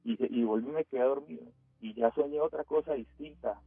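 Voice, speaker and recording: A man calling in to a radio show, telling a frightening story of his own in a hesitant way, with many pauses. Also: medium pitch, no room sound. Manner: hesitant, full of pauses and fillers. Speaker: caller. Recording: dry tinny phone line.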